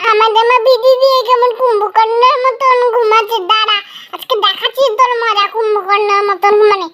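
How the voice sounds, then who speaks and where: A woman voicing a bossy little girl in a doll cartoon, scolding and giggling in shrill bursts. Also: heavy background noise.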